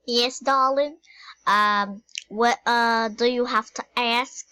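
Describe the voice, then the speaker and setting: A woman's voice: on the high side, fairly even intonation, takes it slowly, bright, forceful tone, clean tone, no echo, rough recording. A woman putting on the voice of a sassy, bossy apple seller who scolds and calls people darling and honey. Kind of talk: amateur voiced animal skit.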